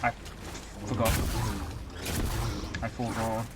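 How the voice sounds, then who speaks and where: A young man chatting casually as he streams a video game, rambling and breaking into excited outbursts. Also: on the low side, takes it slowly, very noisy. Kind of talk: casual live-stream commentary.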